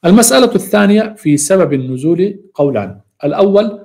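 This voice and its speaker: Guy teaching a quran commentary in a mosque, warm mellow voice, reads a bit then repeats it slow and explains. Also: high-pitched, animated, vocal fry. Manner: reads a passage aloud, then slowly repeats and explains its key phrases.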